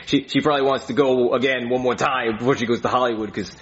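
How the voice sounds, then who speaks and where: A man's voice: mid-range voice, fairly even intonation, quick pace, muffled recording, a little hiss or hum, pitched below the performer's own voice, natural voice. A man voicing a jealous, insecure, shallow older husband who blusters and stammers in a comedy sketch. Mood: glum, anxious.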